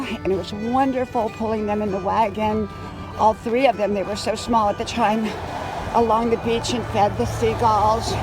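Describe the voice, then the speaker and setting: A woman in her sixties vlogging casually while out on a run, chatty and reflective, offering gentle homespun advice outdoors. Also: a little high, rough recording. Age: 60s. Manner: chatty, reflective, talking while running at an easy pace. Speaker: vlogger with a wisdom channel. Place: outdoors on a trail and roadside.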